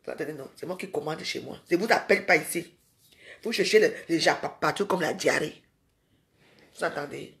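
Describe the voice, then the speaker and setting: A woman's voice: low voice, brisk, creaky, fairly bright tone. A woman ranting in a live social media video. She is confrontational and scolding and keeps firing rhetorical questions at her viewers.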